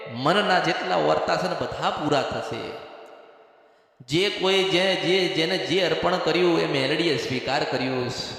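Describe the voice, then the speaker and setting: A man's voice: on the high side, vocal fry, fairly bright tone. A man giving a devotional sermon in the goddess's voice, emphatic, repeating phrases and asking and answering himself. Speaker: spiritual leader of a goddess shrine. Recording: very echoey hall with long reverb.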